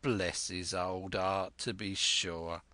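A man's voice: deep voice, fairly even intonation, takes it slowly, pushed and bright, dry recording, pitched below the performer's own voice, full character voice. A man voicing a sly, menacing male pirate who is half fawning, half sneering, talking in an old sailor's dialect. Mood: wheedling.

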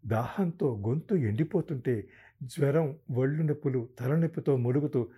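A male storyteller reads a novel aloud in a steady, even manner. His timbre is dark and mellow, at a middle pitch for a man. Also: normal speed, breathy edge. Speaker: narrator. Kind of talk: audiobook novel narration.

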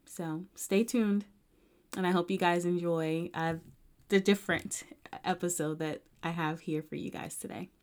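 A woman's voice: fairly low pitch, fairly even intonation, measured pace. A young adult woman hosting her own podcast, talking in a reflective, casual way with frequent ums. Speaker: podcast host.

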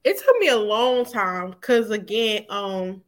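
A woman's voice: mid-range voice, animated, slow. A woman in her forties, a podcast guest, frankly telling her own story in loose, informal speech with many fillers. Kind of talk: candid personal storytelling.

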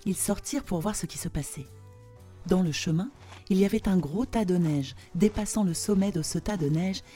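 Woman reading a fairy tale aloud. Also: fairly low pitch. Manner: slow, expressive, repetitive fairy-tale telling. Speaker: storyteller. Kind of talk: scripted storybook narration.

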